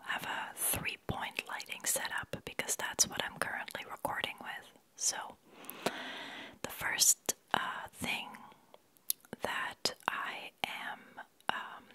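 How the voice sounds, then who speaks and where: A young adult woman leaning in close to the microphone, speaking in a soft, breathy whisper as she chats casually to viewers as an ASMR host. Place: small attic studio, indoors. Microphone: large microphone close to the mouth.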